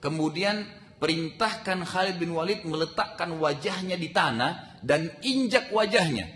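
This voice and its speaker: A man's voice: on the high side, lively intonation, a little slow, a bit bright, a little hiss or hum. Man preaching in an echoey hall. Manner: addresses the congregation with rhetorical questions. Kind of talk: sermon. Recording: echoey hall with long reverb.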